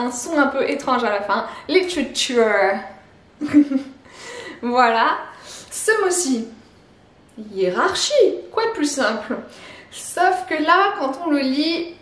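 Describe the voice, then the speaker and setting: A woman teaching a pronunciation lesson, explaining slowly and repeating each word with a soft laugh now and then. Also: high-pitched. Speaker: language teacher. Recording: roomy echo.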